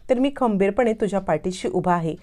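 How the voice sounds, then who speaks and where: A woman's voice: mid-range voice, lively intonation, brisk, darkish tone, natural voice. A woman voicing a caring young man who speaks earnestly and reassuringly to his sister-in-law.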